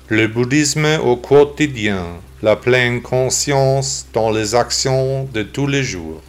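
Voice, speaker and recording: Male computer voice for podcast host, medium pitch, slow and steady scripted read. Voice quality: synthetic computer-generated voice.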